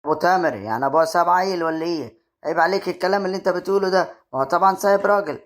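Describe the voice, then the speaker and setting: A man with an Egyptian accent acting in a comic drama, talking briskly and doubtfully. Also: sits high. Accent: Egyptian Arabic. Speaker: lead character and creator of the web series.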